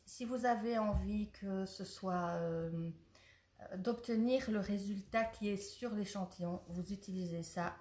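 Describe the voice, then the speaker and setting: A woman's voice: medium pitch, a little mellow. A woman who owns a ceramics shop, chatting eagerly through a casual product demonstration and sometimes losing her thread. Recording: roomy echo.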